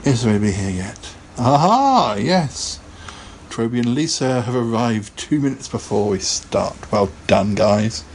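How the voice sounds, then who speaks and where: A man's voice: mid-range voice, sing-song, unhurried, darkish tone, a little hiss or hum. Rambling, chatty male podcast host. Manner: rambling, chatty, laughs often. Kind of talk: casual live podcast chat.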